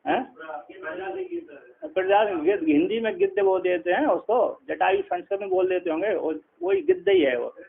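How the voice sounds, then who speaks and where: Gravelly man teaching on a tinny line. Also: sits high, sing-song. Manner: slow chanted Sanskrit quotes between conversational Hindi explanation; checks with listeners, asking "है ना". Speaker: teacher of Sanskrit philosophy. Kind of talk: classroom commentary on a Sanskrit text.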